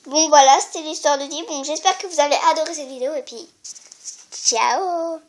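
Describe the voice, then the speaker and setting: A woman's voice: high voice, quick pace, a little mellow, a little hiss or hum. A young girl casually retelling a story, chatty and hesitant, with plenty of fillers.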